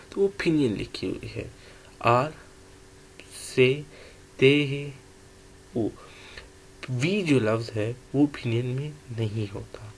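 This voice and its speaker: A man gives a recorded language lesson, walking through letters and tones one at a time. His pitch sits in an ordinary middle range. A faint hiss runs under the recording. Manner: slow, explanatory, spells out letters one by one. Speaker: language teacher. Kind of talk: online lecture.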